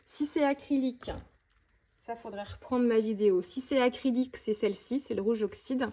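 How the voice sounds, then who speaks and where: A woman vlogger chatting fast and casually about her art supplies, with many fillers and restarts. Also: fairly high pitch, dark tone. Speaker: mixed-media art vlogger. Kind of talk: casual tutorial chat showing art supplies.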